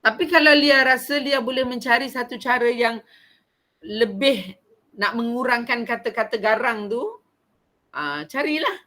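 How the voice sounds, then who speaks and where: A middle-aged Malaysian woman teaching a vocal recitation class in a frank, talkative way. Her voice sits a little high and has a bright, forceful edge. She talks in a lively, expressive manner. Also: unhurried, long pauses. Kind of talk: conversational class talk.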